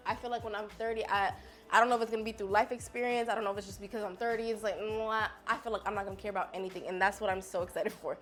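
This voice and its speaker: A woman's voice: medium pitch, fairly even intonation, rapid-fire, a bit bright, soft background music. A woman, chatting casually and sassily to viewers while testing makeup. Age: 20s. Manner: chatty, sassy, talks straight to viewers. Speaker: beauty vlogger. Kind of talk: casual makeup haul chat.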